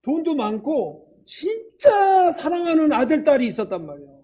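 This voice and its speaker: A man's voice: extremely high pitch, wildly swooping pitch, normal speed, warm tone. A man, a church elder, preaching emphatically and firing rhetorical questions at the congregation. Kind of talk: sermon.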